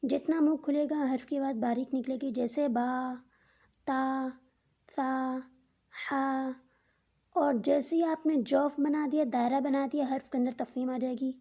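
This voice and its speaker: A woman teaching a step-by-step Quran recitation lesson, speaking slowly and deliberately and drawing out each letter sound as an example. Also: high voice, fairly even intonation, warm tone. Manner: patient, explains each rule twice in simpler words.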